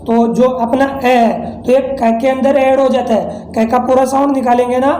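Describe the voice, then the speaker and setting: A man's voice: very high voice, little pitch movement, normal speed, warm tone, roomy sound, a little hiss or hum, rough recording. A man from India teaching English pronunciation in a lesson, explaining step by step and answering his own questions. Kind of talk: classroom-style lesson explanation.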